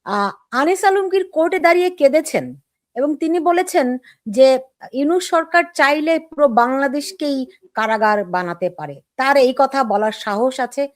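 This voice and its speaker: A woman's voice: high voice, expressive, normal speed, no room sound, clean studio sound. A woman from Bangladesh hosting a political talk show, asking probing, personal questions of her guest.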